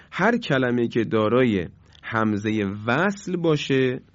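A man teaching Quran recitation in a broadcast lesson, patiently repeating each example slowly and clearly. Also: medium pitch, no room sound. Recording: dull, dry studio sound.

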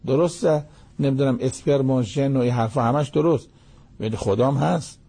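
Older man, Quran commentary sermon, husky, dark-toned, recites verse then explains. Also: medium pitch. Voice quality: gravelly, husky voice. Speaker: Quran teacher.

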